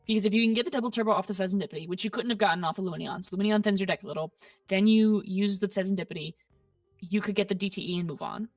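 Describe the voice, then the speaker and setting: Female caster with a Southern US lilt, quick analytical play-by-play, a bit off-mic. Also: mid-range voice, dry recording, recorded from a distance, faint music behind. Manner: analytical, quick, playful asides. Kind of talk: esports game commentary.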